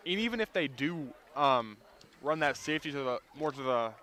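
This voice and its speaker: Football analyst guy, middle pitch, talks strategy, lots of yeahs. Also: lively intonation, normal speed, pushed and bright. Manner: analytical, agreeable with many yeahs. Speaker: color commentator. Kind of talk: live sports analysis. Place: outdoor football stadium.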